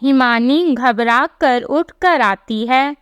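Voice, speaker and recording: A woman's voice: high voice, slow pace, clear, resonant tone, no echo, dull audio. A woman narrating a storybook tale in a plain, sympathetic way.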